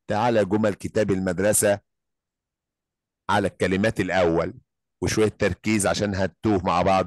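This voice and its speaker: A man with an Egyptian Arabic accent teaching an English lesson, drilling phrases slowly, then explaining quickly. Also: on the low side, dry recording.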